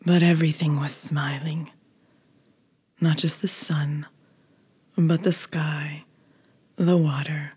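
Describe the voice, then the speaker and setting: A woman reading a storybook aloud in a soft, gentle whisper. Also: sits low, slightly rough.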